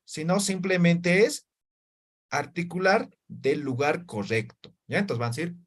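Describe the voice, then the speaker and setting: Patient and frequently checking on his students, a high-pitched man leads an online language lesson, slowly modeling each sound as he explains.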